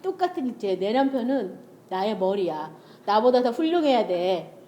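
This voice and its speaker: A woman's voice: on the high side, sing-song, moderate pace, mellow. A middle-aged woman giving a testimony-style sermon, telling family stories animatedly and acting out the dialogue with frequent laughter. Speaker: church speaker sharing testimony.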